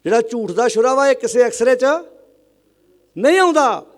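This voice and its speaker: A man preaching a sermon to a congregation, emphatic and questioning, calling on listeners to answer aloud and chanting scripture lines slowly. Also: extremely high pitch. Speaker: Sikh religious preacher.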